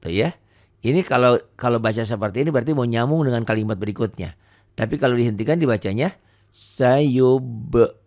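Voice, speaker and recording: A man gives a casual Quran reading lesson. He chants example words slowly and deliberately, then explains in a quicker, relaxed way, often trailing off low and soft at the ends of phrases.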